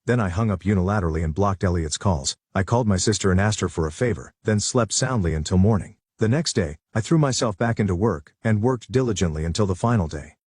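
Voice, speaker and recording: A man narrates a story in an even, matter-of-fact way. His voice is low and husky. The recording is close and dry. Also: fast talker, hardly any pauses, dry recording. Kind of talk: scripted first-person narration.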